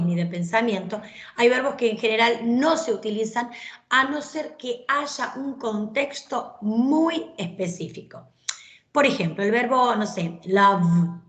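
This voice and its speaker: A woman's voice: fairly high pitch, a bit bright. A woman, teaching an English grammar class and explaining patiently, often checking that students follow. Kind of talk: online class lecture. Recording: roomy echoey recording.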